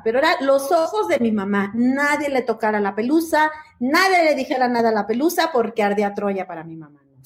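Mexican woman host, high voice, funny anecdotes full of voices. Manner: lively storyteller, mimics family voices. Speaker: talk show host. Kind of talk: casual chat, comic anecdote.

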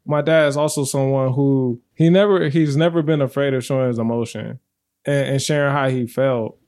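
A man's voice: medium pitch, steady tone, normal speed, darkish tone. Easygoing male podcast host, laughing often. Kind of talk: casual chat.

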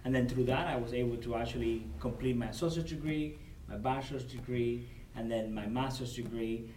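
This Cuban man, whose first language is Spanish, speaks with a Cuban Spanish accent in a mid-range, steady, slightly mellow voice at a brisk pace. A corporate supplier diversity director, he is a guest on a podcast recorded at a convention venue, talking earnestly and often repeating words while he gathers his thoughts. The distant mic gives a roomy sound with faint noise.

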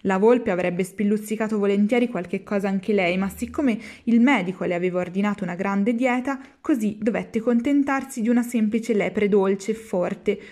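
A woman reading a children's classic aloud, in a measured, expressive narrating voice. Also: medium pitch. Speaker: storyteller.

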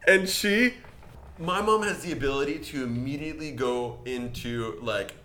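A man's voice: medium pitch, normal speed, pushed and bright. A young man co-hosting a podcast, telling a story in casual chat with many restarts and slips. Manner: rambling storyteller, frequent restarts and word slips. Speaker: podcast co-host. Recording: echoey room, faint noise.

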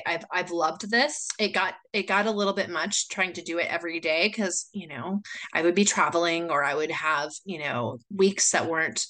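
An American woman hosts a casual solo podcast, rambling chattily and filling her talk with "like" and "you know." Her voice is lowish, pushed and bright.

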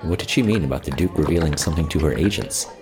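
Man acting a very deep-voiced orderly gentleman. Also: quick pace, faint music behind. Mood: puzzled, measured. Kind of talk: scripted audio comedy drama.

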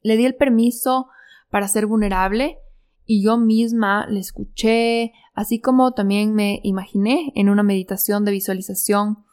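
A woman's voice: medium pitch, steady tone, moderate pace, a little mellow, clean tone. A woman telling a reflective personal story in an earnest, confiding way. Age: adult. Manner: earnest, confiding, many fillers and restarts. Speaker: speaker sharing personal growth story.

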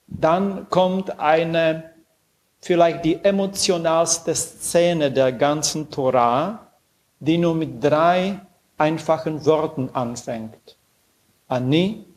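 Slow, earnest man reading scripture. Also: on the high side. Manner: measured, earnest, with dramatic pauses. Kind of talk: reflective scripture reading and commentary.

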